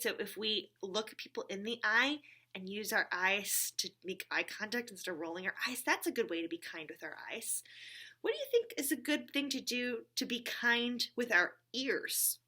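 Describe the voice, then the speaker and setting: A woman with a medium-pitched, expressive voice speaks at normal speed, bright and pushed. She's running church story time for little ones, addressing a puppet pal in plain, encouraging language and often asking questions to check in.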